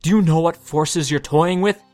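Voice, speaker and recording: A man's voice: medium pitch, moderate pace, a bit bright, slightly rough, faint music behind. A man reading a story, voicing a young mage whose voice grows grating and accusing. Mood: furious. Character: young man, a frightened mage turning furious.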